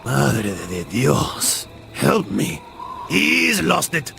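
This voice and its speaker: A male actor voices a wry, exasperated Spanish mercenary in a video game cutscene, in full character with a Spanish accent. He is sardonic and animated, peppering his talk with Spanish words, his mid-range voice full of drawn-out words and vocal fry. Loud music plays behind him.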